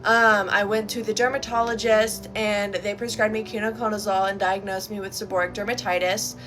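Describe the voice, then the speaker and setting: A woman's voice: medium pitch, level tone, brisk, over music. A young adult woman sharing a personal story in a candid, chatty, informal way, like a casual video to camera.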